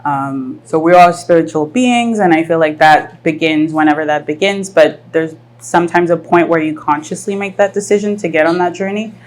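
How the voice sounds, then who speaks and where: A woman in her thirties from France hosts a live podcast in front of an audience. Her voice sits low, and she talks in a reflective, searching way, often pausing on fillers as she thinks. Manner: reflective, thoughtful, many fillers. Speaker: podcast host. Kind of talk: casual live podcast conversation. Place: live event venue with audience.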